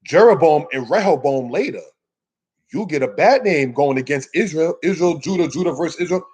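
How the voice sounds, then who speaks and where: A man delivers a casual sermon from scripture, urging the congregation on through forceful wording and questions meant to provoke thought. He talks a little fast in a fairly high, expressive voice that is a little mellow and slightly rough.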